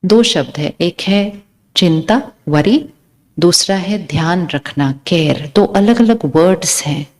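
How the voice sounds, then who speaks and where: A woman's voice: lowish voice, expressive, slow, darkish tone. A woman giving a spiritual talk to a live audience, asking them questions and calling out words one by one. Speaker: spiritual speaker.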